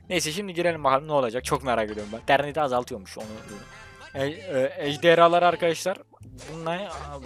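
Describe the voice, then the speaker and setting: A man from Turkey giving casual, jokey commentary on a mobile game, talking excitedly to the game and his teammates. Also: mid-range voice. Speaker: mobile gaming youtuber. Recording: voice over loud game music.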